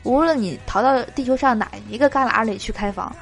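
A woman's voice: fairly high pitch, a little fast. Woman reading jokes on her podcast, chatty, laughs a lot, bit of music under it. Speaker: podcast host.

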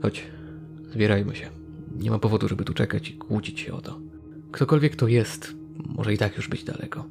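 A man with a low, gravelly voice reading the lines of a dry, teasing young male friend in a horror story. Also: normal speed, music in the background. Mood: calming.

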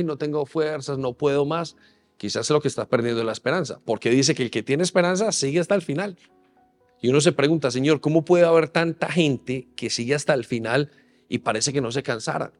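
A man delivers a sermon in a hall with a long, ringing reverb. He speaks earnestly and turns often to his listeners with direct questions. Faint music plays behind him. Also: medium pitch. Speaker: pastor. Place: church hall.

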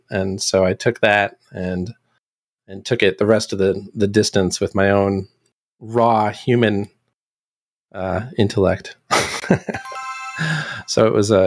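Man, low voice, dry close sound, casual and halting, clears his throat a lot. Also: no echo. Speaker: community show presenter. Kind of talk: casual chat.

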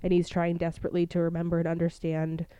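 Casual female co-host, filler-heavy chatter, smooth voice, dry close sound. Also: lowish voice, monotone, quick pace, dark tone, no room sound. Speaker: podcast co-host quizzing others. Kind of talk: casual chat.

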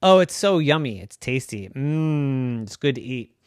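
A man voicing an eager, adventurous young male unicorn who pleads excitedly in a storybook tale. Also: medium pitch, unhurried, smooth, no echo, clean studio sound, close to an everyday voice.

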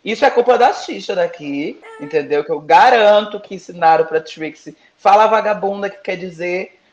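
In a casual interview, a male drag queen guest jokes around in campy slang about competition. He speaks at a moderate pace in a high-sitting voice, captured in roomy, dull lo-fi audio.

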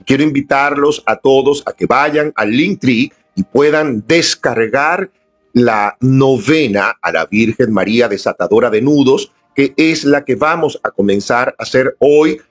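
A man leading a live-streamed devotional prayer, speaking earnestly and inviting his viewers to join in. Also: mid-range voice. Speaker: prayer leader. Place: indoors at home, filming on a camera.

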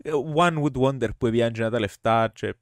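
A man's voice: medium pitch, clean tone, no room sound, clean studio sound. A man with a Cypriot Greek accent chatting casually as a podcast co-host. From Cyprus. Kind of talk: casual chat.

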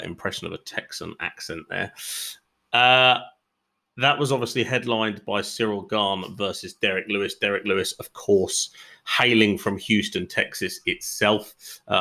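A man's voice: on the low side, gravelly, sharp tone. A man hosting a combat sports podcast, chatting in an opinionated way with frequent ums and uhs. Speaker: podcast host.

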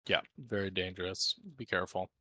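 A man who is high, hosting a casual, unscripted podcast chat in a laid-back stoner manner. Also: level tone, a little fast, pushed and bright. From Canada. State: high on cannabis. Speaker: podcast host.

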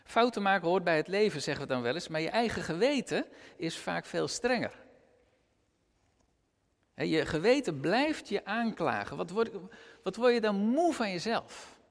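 Gravelly-voiced male preacher, animated. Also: moderate pace, long reverb tail. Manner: expressive, with wide pitch swings. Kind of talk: Bible reading followed by a sermon.

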